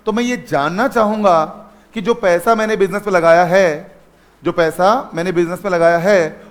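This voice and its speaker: A high-pitched man teaches accounting. He fires questions at his students, then repeats the answers himself in a call-and-response rhythm. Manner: calls students son, asks and repeats answers. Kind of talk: classroom lecture.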